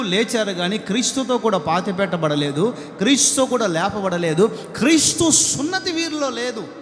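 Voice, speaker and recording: A male preacher with a high, bright, forceful voice delivers a sermon in a church hall. He drives his points home emphatically, climbing to shouts and repeatedly calling on the congregation to answer aloud. The sound rings through a large room with a long, echoey reverb.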